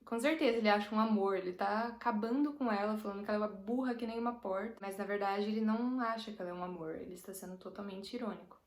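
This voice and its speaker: A woman's voice: medium pitch, fast talker, few pauses. A woman with a Brazilian Portuguese accent, teaching a casual language lesson and patiently explaining with everyday examples. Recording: roomy echo.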